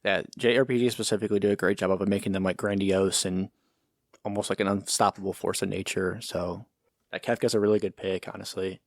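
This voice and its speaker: A man's voice: low voice, fairly even intonation, brisk, no echo, clean studio sound. A man co-hosting a podcast, easygoing and agreeable in casual chat. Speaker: podcast co-host.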